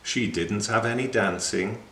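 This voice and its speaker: A man reading a children's picture book aloud in a slow, very expressive way. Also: fairly low pitch. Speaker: storyteller. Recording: echoey room with faint noise.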